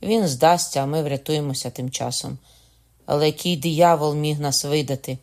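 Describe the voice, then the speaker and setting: A man's voice: on the high side, normal speed, natural voice. A man reading as a shrewd young king. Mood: alarmed. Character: shrewd young male king, wry and playful.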